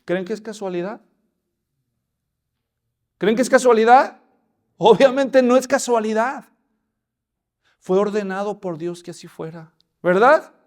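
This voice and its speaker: High-voiced pastor preaching. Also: male voice, moderate pace. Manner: animated storytelling, addressing listeners as brothers. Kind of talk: sermon.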